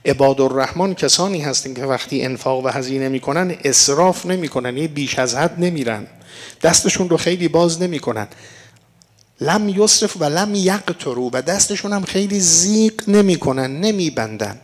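A man giving an evening sermon that explains scripture, reciting verses slowly and asking rhetorical questions before answering them. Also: a little high, expressive. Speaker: religious lecturer. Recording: long hall reverb.

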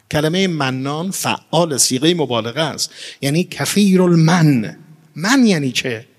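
A male preacher at a middle pitch teaches a religious lesson. He pulls words apart by their roots and answers his own questions. His voice carries a long reverb, as if he is speaking in a large hall. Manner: recites Arabic phrases slowly and with emphasis. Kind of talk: religious lecture.

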